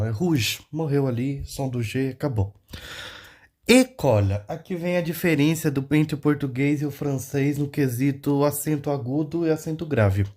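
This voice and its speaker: A young man teaches pronunciation in a relaxed, chatty way. He explains each sound step by step and keeps checking that listeners follow, with a voice of ordinary pitch. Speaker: language teacher. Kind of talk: casual pronunciation lesson.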